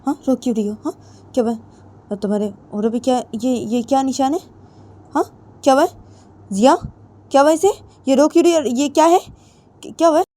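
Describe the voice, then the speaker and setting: A stern, fussing middle-aged mother-in-law, as a woman storyteller puts her on, pitched well above the narrator's own voice. She fires rapid, insistent questions at everyone in a Hindi audio story. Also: mellow, natural voice. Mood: alarmed.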